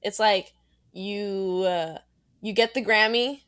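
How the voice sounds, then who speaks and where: A woman's voice: mid-range voice, steady tone, slow, fairly bright tone, clean tone, dry recording, clean studio sound. A woman in a casual podcast chat, playful and giggly, with lots of fillers.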